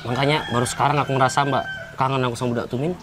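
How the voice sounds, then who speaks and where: A man's voice: medium pitch, rapid-fire, background noise. A man playing a neighborhood head in a comedy sketch, talking in a chatty, grumbling way. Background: background music.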